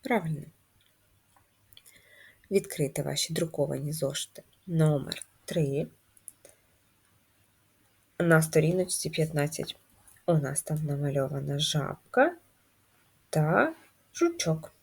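A woman teaching a first-grade class, reading riddles and guiding letter writing in a slow, sing-song manner for young children. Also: sits low, expressive, vocal fry, breathy edge. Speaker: primary school teacher. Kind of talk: first-grade handwriting lesson.

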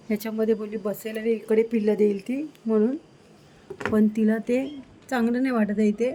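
A woman's voice: a little high, dark tone, a little hiss or hum, rough recording. A woman fussing over her cat and talking to it, in a casual home vlog at night. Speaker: vlogger caring for a pregnant cat.

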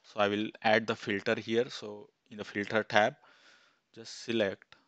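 A man in his thirties, an instructor, talking step by step through a screen-recorded software tutorial on a headset mic, with fillers as he goes. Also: on the low side, little pitch movement, measured pace, no room sound, dull audio. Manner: plain step-by-step, thinking aloud with fillers. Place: small room indoors.

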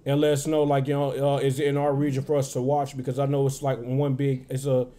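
A man's voice: medium pitch, completely flat delivery, fast, mellow. Laid-back man hosting a reaction channel. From Arkansas. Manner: laid-back, loose, filler-heavy, tags sentences with "man". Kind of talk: casual chat.

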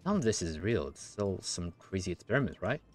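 A man's voice: low-pitched, sing-song, fairly quick. A man in his thirties giving casual, hesitant, musing commentary as he plays a video game. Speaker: gaming streamer.

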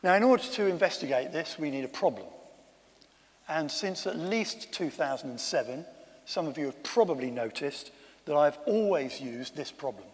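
Male conference speaker, fairly high voice, dry humour, long hall reverb. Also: expressive, moderate pace. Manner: wry, self-deprecating asides. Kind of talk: conference talk. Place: conference room.

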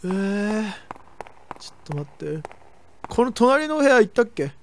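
A young woman streamer chatting excitedly through a horror game, with sudden shrieks. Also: mid-range voice, unhurried. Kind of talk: let's play commentary.

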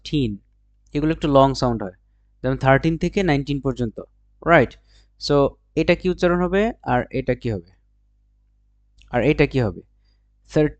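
A man teaching an English listening lesson, slowly modeling example sentences between explanations. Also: on the high side, a little mellow, no echo. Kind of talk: language lesson.

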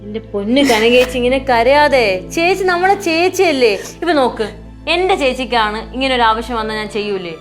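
A woman's voice: fairly high pitch, expressive, a little fast, faint music behind, lightly acted. An actress as a coaxing young woman. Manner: coaxing, insistent. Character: caring young woman soothing a friend. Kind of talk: sitcom acting.

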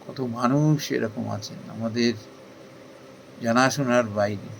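A man delivers a devotional talk at a middling pitch. He speaks earnestly and persuasively, posing questions and answering them, lifting his voice for emphasis before dropping back down. A faint hiss of noise sits under the recording. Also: measured pace, gravelly, low-quality recording. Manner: earnest, rhetorical questions, rising emphasis then softening. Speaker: spiritual speaker. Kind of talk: devotional discourse.

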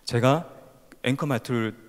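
A man's voice: medium pitch, unhurried. A man in his thirties with a faint Gyeongsang-tinged accent, telling his life story as a stage speaker and acting out the scenes. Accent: Gyeongsang-tinged Seoul Korean. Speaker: speaker at a youth festival talk. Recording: hall reverb from a stage talk.

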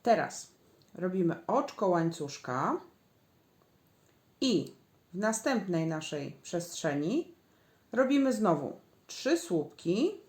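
Woman crochet teacher, unhurried step-by-step guidance, echoey room. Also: lowish voice, sing-song, darkish tone. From Poland. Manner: slow, patient instructions, counting stitches aloud. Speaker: crochet instructor.

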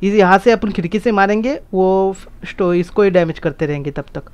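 Excitable young-sounding gamer man, smooth voice. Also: high voice, highs cut off. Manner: excitable, rapid repeated commands to teammates. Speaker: gaming streamer. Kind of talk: casual gameplay chat.

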